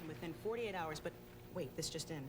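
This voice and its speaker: A man's voice: on the high side, a little fast, close to an everyday voice. Distant, echoey TV newscaster played by a man. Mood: earnest. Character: earnest television newscaster reading the day's news. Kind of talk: TV news reading. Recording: distant, reverberant TV sound under music.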